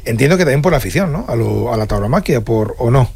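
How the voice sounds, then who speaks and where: Fast-talking male host. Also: medium pitch, expressive, gravelly, over a noisy crowd. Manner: chatty, switches between Spanish and Valencian. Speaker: radio and TV host. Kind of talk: interview conversation.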